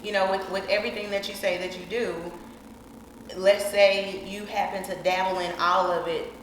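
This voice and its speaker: A woman's voice: mid-range voice, little pitch movement, normal speed. A woman hosting a podcast, asking questions in a casual interview and affirming often. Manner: encouraging, asks questions with frequent affirmations. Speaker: podcast host. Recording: echoey room, faint noise.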